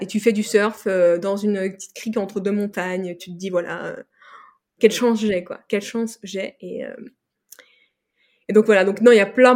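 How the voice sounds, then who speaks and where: A woman's voice: medium pitch, darkish tone. A young woman from France, a podcast guest, recounting a trip in a loose, rambling way with many fillers and restarts. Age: young adult. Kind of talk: casual interview chat.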